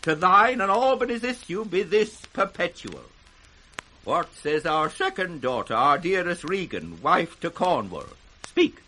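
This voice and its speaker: A man's voice: high voice, very animated, a little slow, bright, forceful tone, slight background noise, exaggerated voice. An actor playing an aging, imperious British king with grand, declamatory delivery in a 1960s radio Shakespeare play. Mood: grand, bestowing. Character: aging imperious king dividing his kingdom, grand and commanding.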